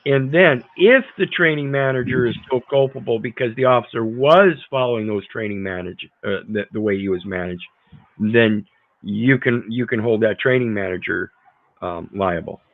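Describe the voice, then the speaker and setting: A man's voice: medium pitch, normal speed, no room sound. A man hosting an informal panel discussion, blunt and emphatic, often repeating himself. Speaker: panel host. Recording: narrow phone-like line, dry.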